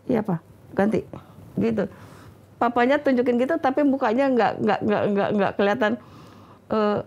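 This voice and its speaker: An older Indonesian woman speaks in a relaxed, conversational way, her voice rough with vocal fry. She tells family memories as an interview guest and acts out the dialogue as she goes. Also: fairly high pitch, moderate pace, muffled recording. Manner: acts out family dialogue when recalling stories. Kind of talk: casual conversational storytelling.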